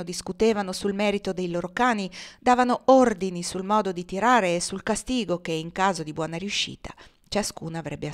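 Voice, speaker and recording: A woman from Italy reading a classic novel aloud in a measured, expressive storytelling voice. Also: medium pitch. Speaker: reader.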